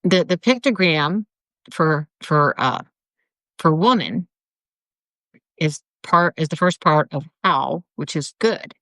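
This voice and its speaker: A woman in casual chat, explaining slowly with many restarts and fillers. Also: deep voice, animated, a bit bright, no room sound. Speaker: co-host.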